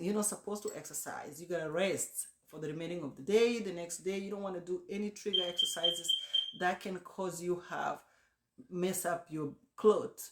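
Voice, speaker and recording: A casual vlogger with a mid-pitched voice talks straight to the viewer. They explain things step by step and often repeat themselves, telling a personal experience with practical advice. The sound is roomy and echoey. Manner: repetitive explaining, addressing the viewer directly. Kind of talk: casual first-person vlog recounting an experience with practical tips.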